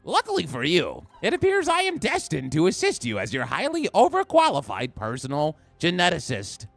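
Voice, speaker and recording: A man's voice: fairly high pitch, huge pitch swings, moderate pace, creaky, soft background music, heavily acted. A man voicing a pompous, condescending male geneticist in a nerdy, haughty voice while streaming a game. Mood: smug. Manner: nasal nerd voice, haughty and sneering. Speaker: streamer reading a game character's lines.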